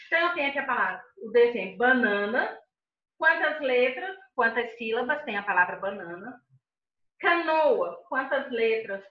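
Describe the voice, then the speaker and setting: A woman from Brazil teaches young children in a patient video lesson, reading each exercise aloud. Her voice is high, and she takes her time, spelling out syllables slowly. The recording sounds dull and lo-fi, in an echoey room. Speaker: schoolteacher.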